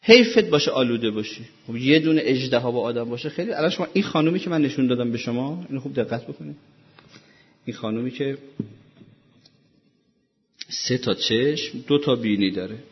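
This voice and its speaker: Husky-voiced man preaching a sermon. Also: medium pitch, expressive, long pauses, muffled recording. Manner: rhetorical questions in a row. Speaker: religious lecturer.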